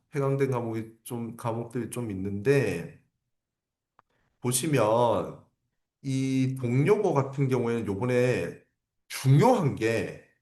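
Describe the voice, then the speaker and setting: A man's voice: mid-range voice, a little mellow, echoey room. A man teaching parents in a livestream lecture, often asking rhetorical questions and repeating his key points for emphasis. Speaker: academy teacher.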